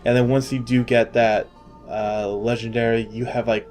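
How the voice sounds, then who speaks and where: Male podcast host, easygoing banter, average pitch, faint background music. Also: flat delivery, moderate pace, a little mellow. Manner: jokey, laughs often, trails off with fillers. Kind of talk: casual gaming podcast chat.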